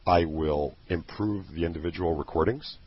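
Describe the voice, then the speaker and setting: A man's voice: low voice, normal speed, breathy edge. A man promoting a program he created, talking in an earnest, passionate way with many restarts. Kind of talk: casual promotional chat. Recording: dull lo-fi recording.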